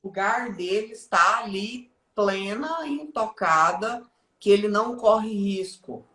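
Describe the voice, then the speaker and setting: A woman's voice: medium pitch, measured pace, fairly bright tone, roomy sound. A woman speaking as a guest on a live stream, explaining in a teaching way and often checking in with the listener.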